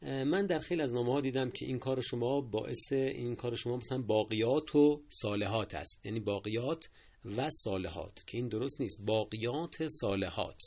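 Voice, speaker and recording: A man's voice: medium pitch, darkish tone. A man giving a spoken lesson on correct word usage, patient and explanatory, often repeating his points and asking listeners to take careful note. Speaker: Persian language teacher.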